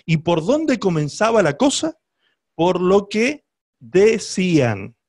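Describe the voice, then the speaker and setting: A man preaching a sermon as pastor, his voice pitched high for a man. He speaks emphatically and keeps turning to his listeners with rhetorical questions. The sound is dry and close, with no room echo. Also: sing-song, takes it slowly, darkish tone.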